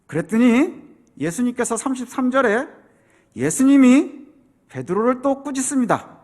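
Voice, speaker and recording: A man's voice: very high voice, sing-song, moderate pace, a little mellow. A man preaching a sermon as pastor, explaining scripture and acting out quoted voices with rising intensity.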